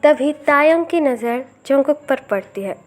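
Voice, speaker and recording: Brief: female storyteller, slightly high voice, steady read-aloud narration, faint music underneath. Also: moderate pace. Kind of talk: reading a fan story aloud.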